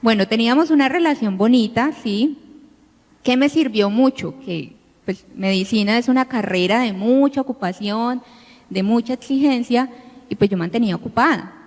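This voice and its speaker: A woman's voice: a little high, normal speed, darkish tone. A woman, the pastor's wife, recalling their courtship in a hesitant, filler-heavy way. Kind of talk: casual personal account. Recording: long hall-like reverb.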